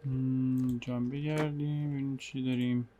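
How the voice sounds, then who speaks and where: Fast-talking Iranian man muttering through a game. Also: medium pitch, flat delivery, warm tone, lo-fi sound, faint music behind. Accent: Iranian Persian. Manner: muttering, thinking aloud. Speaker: game streamer. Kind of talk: casual game walkthrough commentary.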